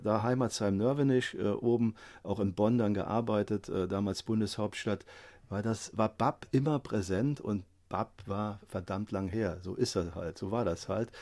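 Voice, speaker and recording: A man's voice: fairly low pitch, moderate pace, a little mellow. A man in his fifties telling rambling personal anecdotes in a casual talk, with many fillers and chuckles. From Germany. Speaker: guest. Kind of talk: casual chat.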